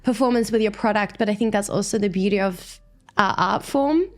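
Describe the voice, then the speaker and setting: A brisk, mid-range voice comes from an Australian dancer in her twenties who's guesting on an interview. The chat is casual, and she sounds upbeat and reflective.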